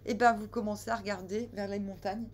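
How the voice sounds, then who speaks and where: A woman giving a casual tarot reading who talks straight to her viewers, joking, teasing and scolding them, with sudden loud bursts and quiet asides. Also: mid-range voice, steady tone, fairly quick, slight background noise. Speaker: tarot reader.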